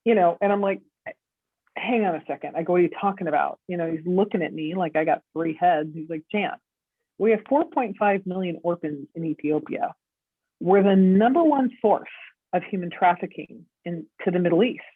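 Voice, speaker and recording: A woman's voice: fairly low pitch, fairly quick, husky, no echo. A middle-aged woman, a podcast guest, telling her story and acting out the dialogue as she goes. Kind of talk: storytelling interview. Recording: tinny dry phone-line audio.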